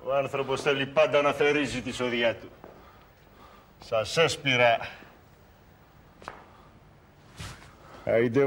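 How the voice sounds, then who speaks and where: A man's voice: medium pitch, natural voice. A man playing a domineering, mocking schemer. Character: scheming young man forcing a poisoning. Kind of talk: film drama acting.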